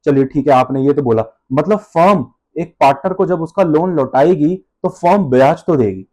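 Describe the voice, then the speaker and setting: A man's voice: fairly high pitch, moderate pace, dark tone. A male accounts teacher giving a classroom-style lecture, calling the students "beta" and answering his own questions.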